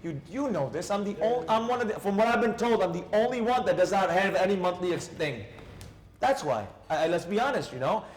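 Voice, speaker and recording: A man mentoring trading students in casual talk, animated, asking the group questions. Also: high-pitched, brisk, reverberant. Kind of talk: casual teaching chat.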